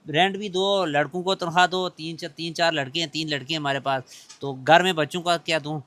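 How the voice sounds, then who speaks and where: A man's voice: on the high side, fairly even intonation, fairly quick, a bit bright, no room sound. A middle-aged shopkeeper man speaking outdoors in a market lane, pleading and emphatic in a street interview.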